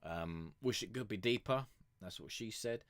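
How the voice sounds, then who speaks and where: A man streams music reviews in a casual, rambling chat, heavy on fillers and restarts and with the occasional swear word. His voice is lowish but he consciously keeps it raised above its natural depth, speaking at a moderate pace in a dry, clean studio recording.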